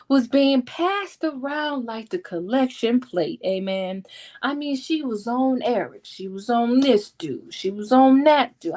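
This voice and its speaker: A woman with a high, slightly mellow voice gives a casual, chatty book recap as a book vlogger hosting a readalong discussion. Like a vlog host, she is sassy, playful and slangy, acting out the characters' lines.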